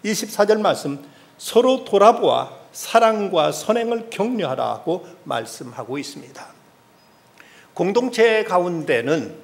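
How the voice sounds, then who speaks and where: A man's voice: high voice, creaky. A middle-aged man, a pastor, preaching a Sunday sermon and earnestly retelling a story to make his point.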